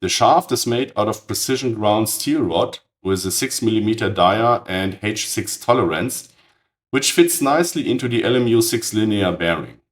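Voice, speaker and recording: Raspy-voiced man with a cold. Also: lowish voice, lively intonation, normal speed. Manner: precise, matter-of-fact, blunt verdicts on tools. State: hoarse from a cold. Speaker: channel host. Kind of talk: scripted technical narration.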